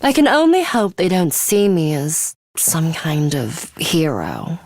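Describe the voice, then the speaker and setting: A woman gives a full character voice for an English-language video game, portraying a coolly arrogant, serious schoolgirl fighter who is bloodthirsty. Her deep, darkish voice is very animated yet slow, formal, precise and faintly sinister in a measured monologue, composed and aloof. The studio-quality recording has no room sound.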